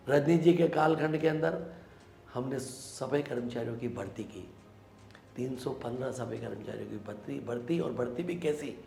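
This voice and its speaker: Earnest gravelly man from Rajasthan. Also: mid-range voice, darkish tone, reverberant, a little hiss or hum. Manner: earnest, emphatic, defensive. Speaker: local politician, interview guest. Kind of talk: sit-down interview answers.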